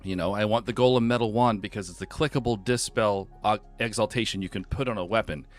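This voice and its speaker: A man's voice: on the low side, fast talker, faint music behind. A man hosting a game live stream from home, chatting casually and greeting viewers by name.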